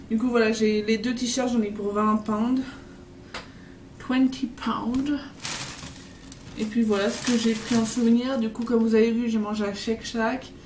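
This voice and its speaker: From a hotel room, a vlogger in her twenties talks casually about travel, rambling and self-correcting with many fillers and restarts. She has a medium-pitched, darkish voice, heard in a distant, roomy, noisy recording.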